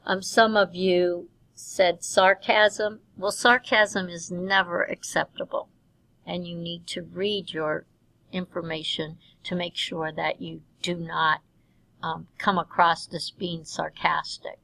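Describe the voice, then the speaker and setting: A middle-aged woman instructor giving recorded feedback on a business writing course, measured and dotted with ums. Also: lowish voice, level tone, gravelly, bright, forceful tone, dry recording, poor audio. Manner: measured, with frequent um fillers.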